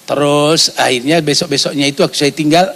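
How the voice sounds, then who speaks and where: Gravelly high-voiced pastor telling stories. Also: male voice, fairly quick. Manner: animated storyteller acting out dialogue. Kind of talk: storytelling sermon.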